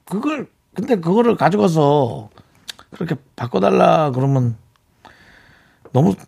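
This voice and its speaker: A middle-aged man co-hosting a radio show, chatting casually and animatedly telling stories with a gravelly, husky voice. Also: on the high side, measured pace. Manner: animated storyteller, complains about being tired. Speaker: radio co-host.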